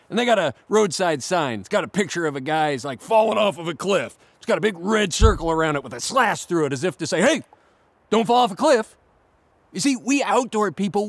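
A man's voice: sits high, no room sound. A middle-aged man delivering a scripted comedic monologue, ranting sarcastically and mocking people. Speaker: comedic outdoorsman host.

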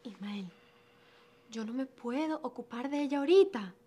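A woman's voice: sits high, expressive, normal speed, mellow, a little hiss or hum. An actress playing a young woman begging a fatherly man not to leave, in a television drama. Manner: pleading, exasperated. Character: young woman, desperate not to be left alone. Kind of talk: telenovela acting.

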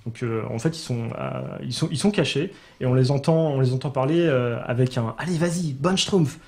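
A man's voice: mid-range voice, brisk, creaky, a little mellow. A French man co-hosting a pop-culture podcast, explaining with many fillers and restarts. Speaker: podcast co-host. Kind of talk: casual chat.

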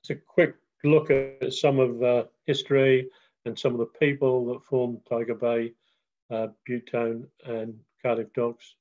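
A man giving a slideshow history talk on a video call, steady, with frequent uh fillers. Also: mid-range voice, a little slow. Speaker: guest presenter. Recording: dull lo-fi call audio.

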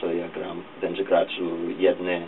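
Low-voiced young man, halting. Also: monotone. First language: English. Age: 20s to 30s. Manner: halting, searching for words, mixing in English. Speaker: musician guest. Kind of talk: casual interview. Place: small radio studio, indoors. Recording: dull distant lo-fi camera recording, clear noise.

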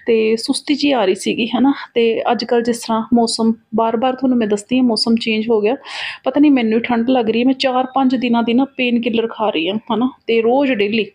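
A middle-aged woman tells everyday stories in an animated, chatty vlog voice-over, often adding tag questions. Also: on the high side, breathy edge. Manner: animated storytelling with repeated tag questions and quoted exchanges. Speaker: home vlogger.

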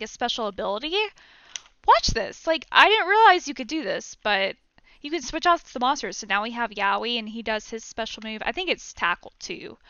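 A woman's voice: on the high side, vocal fry, pushed and bright, clear, resonant tone, no room sound, dull audio. A young woman hosting a casual let's-play, chatting in a bubbly, self-deprecating way as she plays. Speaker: gaming channel host.

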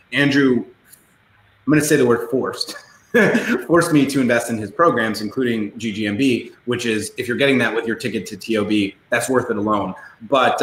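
Animated, casually swearing man, roomy sound. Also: fairly low pitch. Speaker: guest entrepreneur. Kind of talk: casual podcast interview. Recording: roomy echo.

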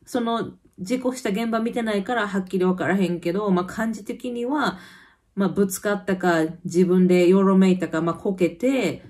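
A woman's voice: mid-range voice, normal speed. A woman in her thirties with a Kansai Japanese accent, chatting casually in her vlog and telling everyday stories. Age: 30s. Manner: chatty storytelling with lively quoted voices. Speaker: vlogger. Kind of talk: casual chat. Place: home in Copenhagen.

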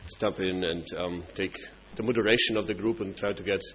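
A man addresses a conference in a low, halting voice, full of fillers and restarts. The recording is dull and muffled, with a faint hum underneath. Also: fairly even intonation, fairly bright tone. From Russia. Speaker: party international coordinator. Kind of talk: conference speech. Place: conference hall.

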